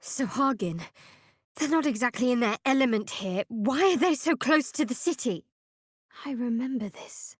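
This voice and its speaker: This fantasy game role, a young cleric devoted to a dark goddess and guarded in manner, is played by an actress with a slightly high female voice. She delivers her lines dryly and wryly at a measured pace, acting them lightly, with no room sound.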